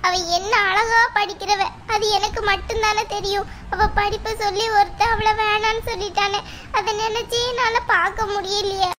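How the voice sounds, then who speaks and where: A woman's voice: very high voice, background noise. A woman voicing a grieving middle-aged village mother who laments and blames herself, in a cartoon. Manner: lamenting, plaintive. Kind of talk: cartoon voice acting.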